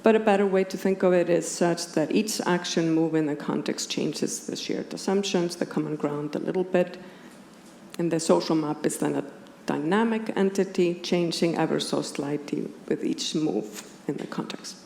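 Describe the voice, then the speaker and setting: An Icelandic woman with a gravelly, fairly low, darkish voice lectures at a moderate pace in a roomy space. She's an academic philosopher giving a partly scripted conference talk to an audience indoors, with background noise clearly audible in the hall.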